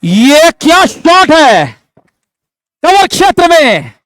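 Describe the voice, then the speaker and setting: A man giving live ball-by-ball cricket commentary, with excitable, drawn-out calls on the big moments. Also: very high-pitched, no room sound, studio quality.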